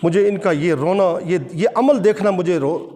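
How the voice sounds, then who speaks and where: Devil figure in a sermon retelling, man playing it, low mournful whining voice. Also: warm tone, natural voice. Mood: lamenting. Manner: lamenting, drawn-out complaint. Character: grieving male devil, whining in defeat.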